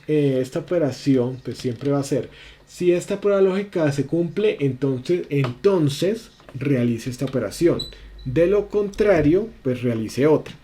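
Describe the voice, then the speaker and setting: A man's voice: medium pitch, dark tone, a little hiss or hum. A man instructing a class through a spreadsheet lesson on screen, talking through each step with many fillers and restarts. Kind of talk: screen-share software lesson.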